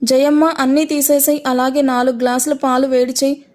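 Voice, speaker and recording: A woman voicing a firm, doting middle-aged mother in an audio story, brisk and bossy. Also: sits high, level tone, darkish tone, natural voice.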